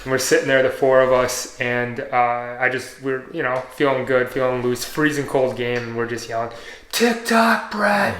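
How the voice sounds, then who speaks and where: A man in his thirties co-hosting a casual sports podcast, chatty and quick to react. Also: medium pitch, level tone, fairly bright tone. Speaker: podcast co-host. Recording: roomy echo.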